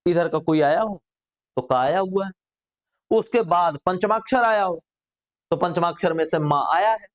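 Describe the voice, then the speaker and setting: A man's voice: high-pitched, normal speed. A middle-aged man teaching a grammar class, drilling students with repeated rhetorical questions.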